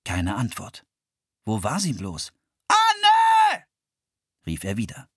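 A narrator reading a children's adventure story aloud in a lively, animated way. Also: low-pitched, measured pace, husky, no echo, studio quality. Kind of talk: audiobook narration.

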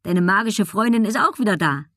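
A woman voicing a cheerful, teasing young woman in an audiobook, amused and bright. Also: medium pitch, expressive, a little fast, no room sound, studio quality, voice pushed up.

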